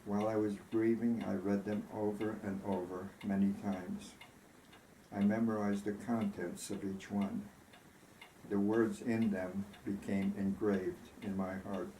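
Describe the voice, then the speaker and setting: A tender, grieving woman in a storybook romance, read by a man in his own fairly low voice. The delivery is earnest, reflective and very slow, in an echoey room. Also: little pitch movement, dark tone. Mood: tender, wistful. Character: tender, grieving woman recalling her lost love. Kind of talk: storybook reading. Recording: roomy echo, faint background noise.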